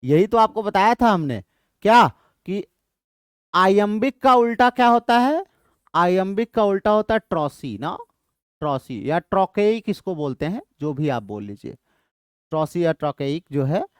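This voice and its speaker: A man's voice: high-pitched, very animated, normal speed, smooth, dry recording, studio quality. A man with an Indian English accent teaching an exam-prep lesson. He repeats his points often and asks questions that he answers himself.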